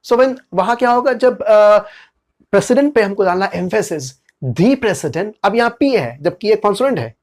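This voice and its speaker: A man with an Indian accent teaching English pronunciation, spelling out letters and repeating each sound deliberately. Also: high-pitched, lively intonation. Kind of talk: slow explanatory lesson.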